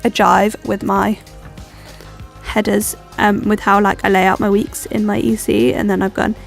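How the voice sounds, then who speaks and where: Mid-range and level, her voice shows vocal fry and moves at normal speed over soft background music. The planner vlogger, a stuffed-up young woman, chats loosely with many ums while decorating her planner.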